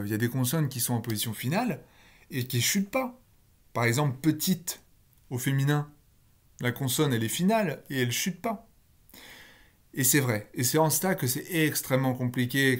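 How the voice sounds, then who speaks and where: A man teaching a recorded linguistics lecture, blunt and emphatic, with casual asides and key words drawn out for stress. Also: medium pitch.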